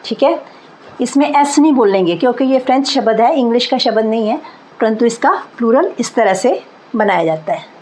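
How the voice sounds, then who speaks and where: A woman's voice: on the high side, expressive, fairly quick, a little mellow, slight background noise, rough recording. A woman teaching English grammar in Hindi, explaining patiently and repeating each example word.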